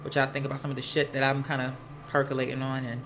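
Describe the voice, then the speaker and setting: The delivery is fast and completely flat at a medium pitch, though the American livestream host's casual chat is campy, sassy and loaded with slang. Recorded at home, it has some household noise from laundry running nearby.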